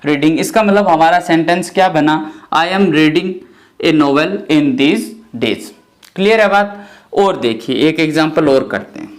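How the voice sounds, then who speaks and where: A man's voice: a little high, measured pace. Man teaching grammar. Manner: explains step by step, often asks and answers his own questions. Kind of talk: classroom lecture.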